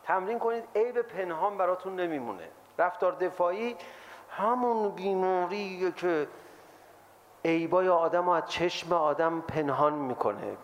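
Guy preaching, high voice that jumps all over, keeps acting out little quotes. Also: dull audio. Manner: animated, acts out quoted voices. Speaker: religious lecturer. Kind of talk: lively sermon to an audience.

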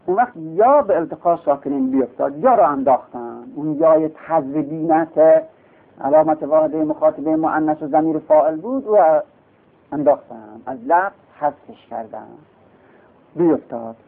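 A man's voice: fairly high pitch, very animated, vocal fry. A male teacher giving a classroom lecture, explaining step by step and asking and answering his own questions. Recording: tinny lo-fi recording.

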